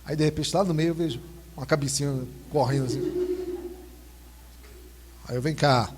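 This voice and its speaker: A man preaching a sermon in a Brazilian accent, reading scripture slowly and then telling stories animatedly. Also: on the high side, very noisy. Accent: Brazilian Portuguese. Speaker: pastor. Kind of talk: expository sermon with personal anecdotes.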